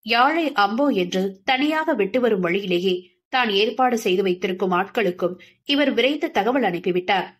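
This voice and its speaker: A woman reading a novel aloud in smooth, even scripted narration. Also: fairly high pitch. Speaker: audiobook narrator.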